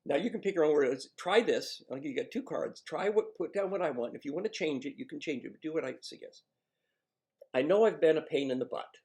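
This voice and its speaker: A man working as an addiction counselor, coaching a patient one-on-one in a gentle, coaxing, self-mocking way. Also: fairly high pitch, animated, fast, few pauses.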